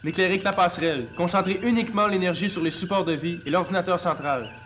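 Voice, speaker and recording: An actor as a commanding starship engineer, echoey. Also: male voice, high voice, quick pace, a bit bright, slight background noise. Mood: firm, commanding. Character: determined Scottish chief engineer commanding a starship. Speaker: chief engineer acting in command. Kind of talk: French audio drama acting. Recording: echoey, music laid underneath.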